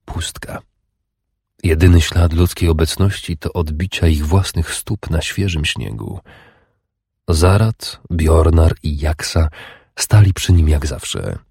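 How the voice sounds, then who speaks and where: A man reading a historical novel aloud as audiobook narrator, in measured, grave storytelling. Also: rumbling low, vocal fry, darkish tone, slightly rough, no echo, studio quality. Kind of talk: scripted narration of historical fiction.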